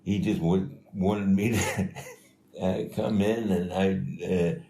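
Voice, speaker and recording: An older man telling life stories in a casual, rambling, halting way, as an interviewee. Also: low voice, steady tone, mellow. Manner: rambling, halting, chuckling delivery. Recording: echoey room with faint noise.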